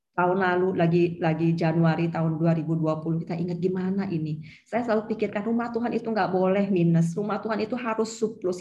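A woman preaches an earnest, heartfelt testimony with a fairly low voice. She often pauses on fillers as she speaks. The recording is dull and lo-fi. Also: darkish tone. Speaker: pastor's wife preaching. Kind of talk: sermon testimony.

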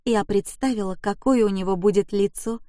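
A woman's voice: mid-range voice, fairly even intonation, moderate pace, mellow, dry recording, clean studio sound. A woman reading an emotional first-person audiobook in a gripping, intense way. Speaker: audiobook narrator.

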